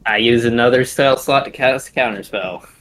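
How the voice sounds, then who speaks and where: A man's voice: mid-range voice, normal speed, fairly bright tone, a little hiss or hum. A man playing a tabletop game, brash and cocky, swearing freely. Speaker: player.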